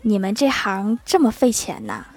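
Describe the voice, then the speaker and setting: A young woman telling a string of casual comic anecdotes and landing the punchlines deadpan. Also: mid-range voice, normal speed, gravelly. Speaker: storyteller.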